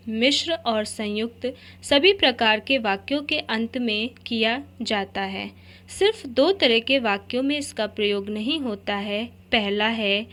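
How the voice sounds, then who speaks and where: A woman teacher giving a grammar lesson, explaining slowly and carefully and repeating each example. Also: a little high, a bit bright.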